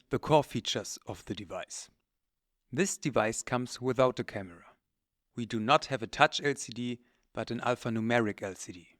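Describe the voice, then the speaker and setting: A medium-pitched man delivers scripted technical product training in a methodical, matter-of-fact instructional style. The sound is clean studio audio with no room sound.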